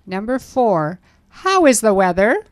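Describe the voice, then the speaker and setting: Slow, lively woman reading lesson prompts. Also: mid-range voice, no room sound. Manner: slow, clearly enunciated prompts. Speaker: English lesson reader. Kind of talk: scripted language lesson dialogue.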